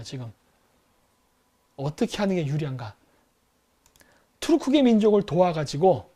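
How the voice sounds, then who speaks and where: A middle-aged man with a high, warm voice hosts a commentary show. He lectures with animation and acts out quoted exchanges between countries.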